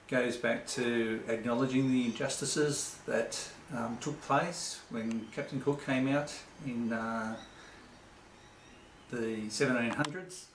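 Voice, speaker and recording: A man's voice: mid-range voice, slight background noise. A man giving an earnest interview answer, hesitant with fillers. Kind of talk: casual spoken interview answer. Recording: echoey room.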